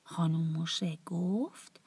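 A woman telling a bedtime story to children in a soft, often half-whispered, tender voice. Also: low voice, slightly rough, no room sound, studio quality.

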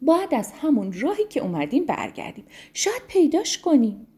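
A woman voicing a worried, caring mother snail in a bedtime storybook, with anxious, high-pitched calls. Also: big pitch swings, dark tone. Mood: thoughtful.

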